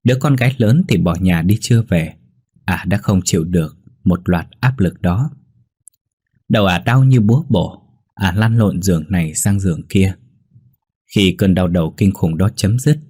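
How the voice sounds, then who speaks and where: A man narrating a ghost story in a steady, measured way. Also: low voice, husky. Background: faint music.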